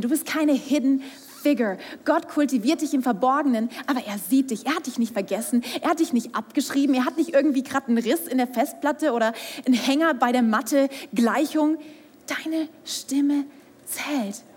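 High-voiced young woman preaching, emphatic, lots of questions, big hall echo. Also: moderate pace, darkish tone, husky. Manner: emphatic, with rhetorical questions and dropped whispers. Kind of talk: sermon. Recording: hall with long reverb.

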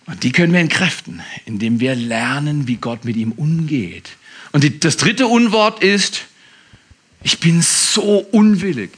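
A male pastor preaching a lively sermon to his congregation, swinging from loud, quick appeals to a hushed whisper. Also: a little high, slightly rough. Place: church.

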